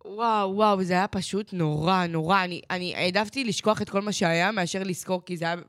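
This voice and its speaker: A teenage podcast co-host tells a personal story in casual chat, animatedly acting out what people said and saying "like" constantly. Her voice is fairly low, and the recording is dry and studio quality.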